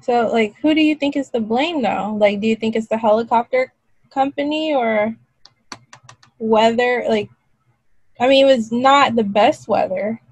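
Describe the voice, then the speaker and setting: High husky young woman leading the chat. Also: measured pace, dry recording, poor audio. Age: 20s. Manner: steers the talk with questions. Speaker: podcast co-host leading the topics. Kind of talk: casual podcast chat.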